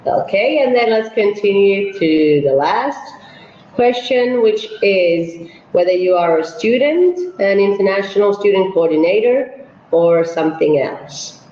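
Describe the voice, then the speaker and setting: A woman's voice: mid-range voice, lively intonation, unhurried, warm tone. A woman from Finland, an operations manager, hosting an online webinar and walking viewers through polls and a presentation. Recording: echoey, dull webinar audio.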